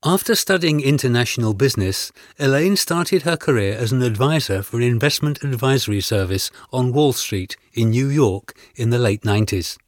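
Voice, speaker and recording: A man reading a scripted interview with measured, announcer-like delivery, introducing each extract and asking the questions. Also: mid-range voice, dry recording, studio quality. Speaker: interviewer and exam narrator.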